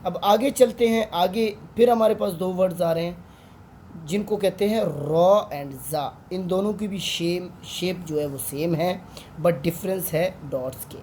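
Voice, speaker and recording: A man's voice: high-pitched, unhurried, a little mellow, a little hiss or hum. A man with a Pakistani Urdu accent, an online Quran tutor patiently teaching Arabic letters and drawing out each sound.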